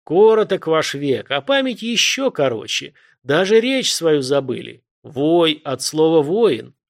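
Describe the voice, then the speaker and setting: A man's voice: fairly high pitch, sing-song, gravelly, voice pushed up, full character voice. A man voicing a stern old warrior god. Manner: slow, weighty, scornful pronouncements. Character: gruff ancient male warrior god, stern and proud.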